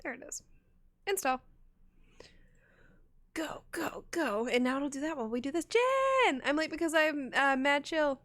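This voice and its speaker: A woman's voice: high-pitched, moderate pace, long pauses, a bit bright, no echo. A woman streamer in casual live-stream chat, chatty and self-mocking, laughing often and swearing casually.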